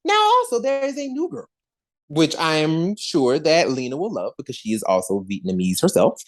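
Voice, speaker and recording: A woman's voice: low-pitched, normal speed. A woman hosting a podcast, talking in a casual, gossipy way with lots of slang and frequent laughter. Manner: animated, slangy, laughs often. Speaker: podcast host.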